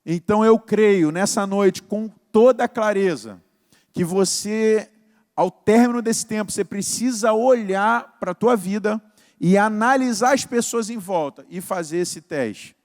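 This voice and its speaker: A man preaching as pastor, telling stories with animated energy. His voice sits high for a man, and a long hall reverb follows each phrase. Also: unhurried. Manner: animated storyteller. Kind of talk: sermon.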